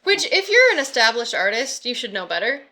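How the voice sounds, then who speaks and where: Bright-voiced woman hosting a reaction chat. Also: a little high, very animated. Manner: laughs often, quick asides. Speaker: channel host.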